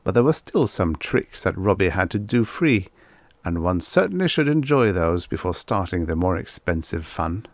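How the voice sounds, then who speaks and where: A man narrates a short story as an audiobook reader, measured and expressive in a storytelling style. His voice sits low, and the recording is dry.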